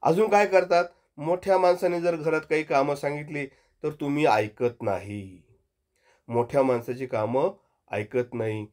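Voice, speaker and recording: A man's voice: on the high side, unhurried. A man, a primary school teacher with a Marathi accent, tells a moral story to young children and asks them questions as he goes. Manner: expressive storyteller asking the class questions.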